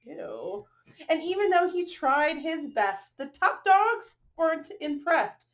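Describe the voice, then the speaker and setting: Here a female teacher gives a storybook read-aloud for kids, her high voice full of lively intonation. She reads in a drawn-out, expressive style and breaks off to ask the young listeners questions.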